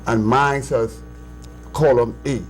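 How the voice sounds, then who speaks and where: An older Bahamian man in his sixties talks as a guest in an interview. His voice sits at an ordinary pitch. He stresses his points with insistent force, often restarting and leaping upward when he argues. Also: fairly even intonation, takes it slowly, slight background noise, low-quality recording. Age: 60s. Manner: emphatic, insistent, with many restarts and sudden rises. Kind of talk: conversational interview.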